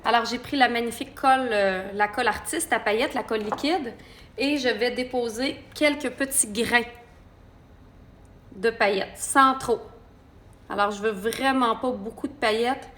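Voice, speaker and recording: A woman's voice: on the high side, measured pace, fairly bright tone. A woman with a Québécois accent giving a chatty live makeup tutorial and talking viewers through each step. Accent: Québécois French. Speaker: makeup artist.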